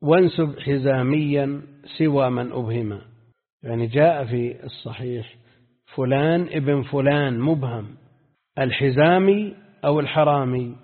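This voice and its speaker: A man's voice: mid-range voice, slightly rough. A man, a sheikh, teaching a classical lesson, who repeats verse lines and questions his students as he explains. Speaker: sheikh teaching hadith terminology. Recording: tinny phone-like audio with long reverb.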